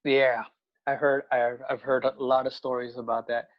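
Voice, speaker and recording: A man's voice: mid-range voice, flat delivery, moderate pace, dry recording. A man hosting a fan talk show, chatting eagerly with a guest and often restarting his sentences. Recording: dull lo-fi dry sound.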